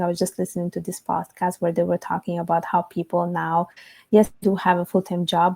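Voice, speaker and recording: A young woman from Italy, speaking as a podcast guest, tells her story thoughtfully with many small pauses. Her voice is warm and mellow and sits lowish with little rise and fall. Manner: reflective, storytelling with fillers. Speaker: guest, author. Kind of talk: conversational interview.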